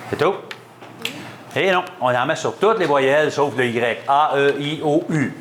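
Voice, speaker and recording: A man with a Québécois accent hosting a school quiz game, reading questions and ruling on answers at a quick clip. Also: a little high, fairly bright tone, slight background noise. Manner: brisk, quick-paced quizmaster, reads questions and rules on answers. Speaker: quiz show host.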